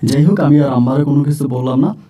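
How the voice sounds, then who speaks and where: Man, first-person storyteller, plain and repetitive, mellow tone, a bit off-mic. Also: medium pitch, fast. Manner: plain, repetitive telling with frequent fillers. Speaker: storyteller recounting his own life. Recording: voice distant from the mic.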